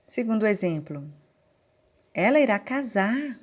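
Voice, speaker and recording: A woman with a Brazilian Portuguese accent teaching a recorded online lesson, explaining slowly and step by step. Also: medium pitch, sing-song. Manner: slow, deliberate, explaining step by step. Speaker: sign language teacher.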